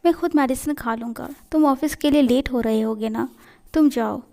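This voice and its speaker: A sickly young man with a soft, pleading way of talking, read by a woman in a high, light voice. He sounds pouty and gentle throughout this read-aloud story. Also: normal speed. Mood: coaxing. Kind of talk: storytelling in a fan fiction reading.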